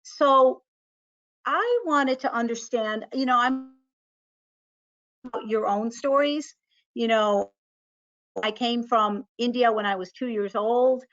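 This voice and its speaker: A woman with a fairly high voice moderating a webinar panel. She responds to speakers with upbeat affirmations and uses some fillers. Her audio comes through a slightly muffled video call. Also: slow pace, pauses often, a bit bright.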